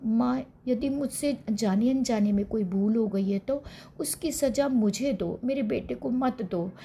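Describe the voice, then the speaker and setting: A woman's voice: on the high side, unhurried, mellow, a little hiss or hum. A woman voicing a devout old mother-in-law who pleads through tears in a spoken story. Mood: pleading. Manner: pleading, tearful.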